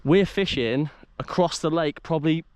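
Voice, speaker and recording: A man chatting excitably to his mate while fishing outdoors at a lake. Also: fairly high pitch, moderate pace, clean tone, no echo. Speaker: angler. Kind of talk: casual live chat while fishing. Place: lakeside outdoors.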